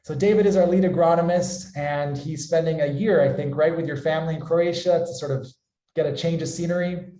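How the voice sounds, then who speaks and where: Speaking a little high with a dark tone, this upbeat American company founder introduces his online webinar with real enthusiasm. His pace is fairly quick and his intonation stays fairly even. Recorded in an indoor room on the webinar call, the audio has an echoey, spacious quality.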